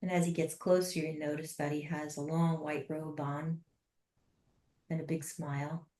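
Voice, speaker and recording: This guided meditation comes from a woman whose voice is low and steady. She takes her time, keeping her delivery soft and unrushed and leaving long silences, and the room sound carries a noticeable echo.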